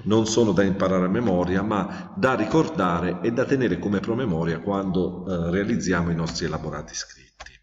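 A man's voice: sits low, normal speed, hardly any pauses. A man teaching a grammar lesson in a methodical way, with frequent hesitations while he lists examples. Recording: echoey, distant, dull lo-fi sound.

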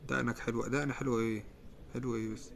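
A man's voice: medium pitch, little pitch movement, very fast, gravelly, a little hiss or hum. A man with an Egyptian accent hosting a live stream, chatting casually as he reads out viewer comments and answers them. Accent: Egyptian Arabic.

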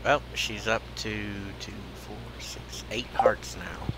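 Slow-talking low-voiced man. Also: noisy background. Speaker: co-player. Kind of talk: casual gaming chat.

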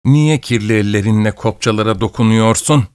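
A man voicing a scornful, stern old woman who scolds slowly and low in an audiobook. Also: a little mellow, clean tone, no echo, studio quality, natural voice. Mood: angry.

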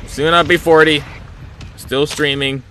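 Bright-voiced young man streaming a game. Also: on the high side, steady tone, unhurried, slight background noise. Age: young adult. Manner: joking banter with chat, sudden shouted outbursts. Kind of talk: casual live-stream chat while gaming. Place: small room at home, indoors. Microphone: headset, seen on webcam.

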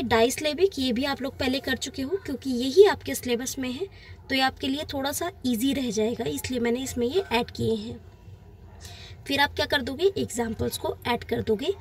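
Female tutor with a high pitch, walking students through slides patiently and repeating key points. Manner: patient, repeats points, mixes in English terms. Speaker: teacher. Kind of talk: exam-prep lesson explaining slides.

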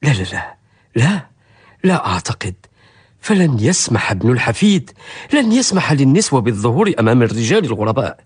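An actor playing a proud, lovestruck young merchant in a historical radio drama, with rough husky voice and emotive formal delivery. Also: male voice, medium pitch, very animated, fairly quick. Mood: doubtful. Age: young adult.

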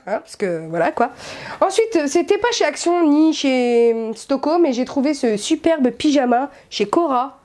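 Excitable high-voiced French vlogger woman. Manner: chatty, excitable, fillers and self-mocking asides. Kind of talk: casual haul vlog. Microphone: camera set back.

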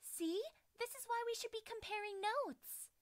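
A woman's voice: very high-pitched, normal speed, no room sound, clean studio sound. A woman doing a giggly, glubbing sea girl. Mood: eager. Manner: giggly, excitable, glubbing noises. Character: bubbly young sea-dwelling girl who glubs.

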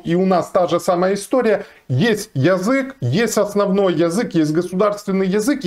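Seated facing a fixed camera in a small room, a Ukrainian lawyer in his forties delivers earnest, emphatic commentary, arguing his point with frequent fillers. His voice is high with a darkish tone.

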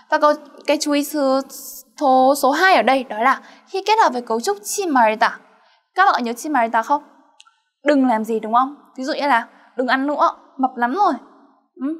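A woman teaching a grammar lesson, explaining step by step and checking in with her students through frequent questions. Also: sits high. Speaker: Korean language teacher.

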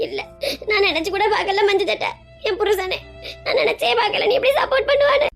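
A woman with a Kanyakumari Tamil accent acting out a comic family skit with quick, dramatic delivery. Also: very high-pitched, animated, gravelly, faint music behind. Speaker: comedy skit creator.

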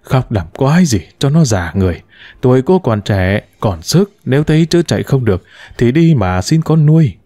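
A man's voice: mid-range voice, sing-song, moderate pace, mellow. A man voicing an older woman in her sixties, an adoptive mother who talks bluntly and dismissively.

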